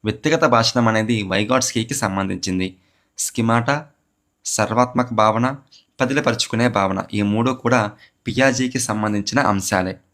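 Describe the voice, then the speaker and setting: A man with a lowish, fairly bright voice speaks at normal speed, walking through an exam question in a psychology lecture for a teacher exam. He poses a question, answers it himself, and repeats key terms to drive them home.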